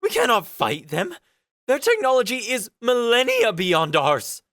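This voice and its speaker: A man's voice: very high voice, huge pitch swings, measured pace, no echo, studio quality, voice pushed up, heavily acted. A man voicing a frantic alien delegate in a council chamber, crying out in panic in an audiobook story. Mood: panicked. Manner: shouting in panic.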